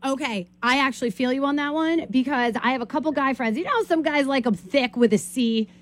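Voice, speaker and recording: A woman hosting a morning radio show, chatting in a gossipy, animated way. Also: high-pitched, brisk. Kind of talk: casual radio chat.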